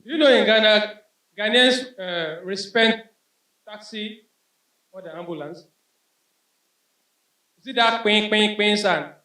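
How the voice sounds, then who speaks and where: A man doing stand-up comedy on a club stage, telling a story and imitating sirens with high wails. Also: slow, long pauses, bright, forceful tone. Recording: roomy club sound from a distance.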